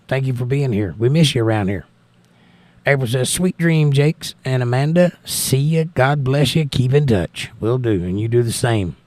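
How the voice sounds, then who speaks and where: A man's voice: medium pitch, a little mellow, no echo. Crackly-voiced American man hosting a livestream. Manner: folksy, thanking and blessing listeners. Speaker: livestream host. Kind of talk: casual live chat, reading out viewer messages.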